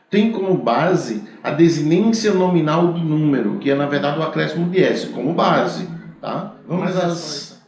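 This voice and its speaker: A man's voice: a little high, darkish tone. Echoey Brazilian male grammar teacher. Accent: Brazilian Portuguese. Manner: explains step by step, frequent "tá certo?" checks. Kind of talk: grammar lecture. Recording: very echoey room.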